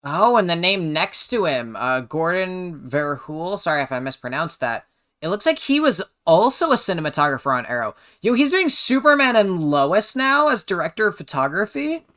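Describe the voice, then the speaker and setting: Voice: medium pitch, sing-song, moderate pace, fairly bright tone. A host giving casual, slangy reaction commentary on a TV episode, exclamatory and self-deprecating.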